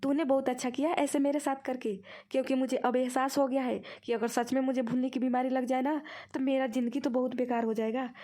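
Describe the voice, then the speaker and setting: A woman's voice: high voice, flat delivery, brisk, hardly any pauses, warm tone, natural voice. A woman voicing a complaining aging woman who pretends to be forgetful in a cartoon. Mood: remorseful. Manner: complaining, whiny. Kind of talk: cartoon voice acting.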